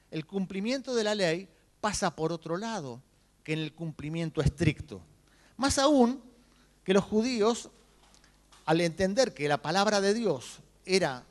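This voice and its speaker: A man's voice: high voice, big-room sound. A man, a pastor with a Rioplatense Spanish accent, preaching a sermon and acting out the voices of the people he quotes. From Argentina. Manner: animated preaching, voicing quoted speakers. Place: church.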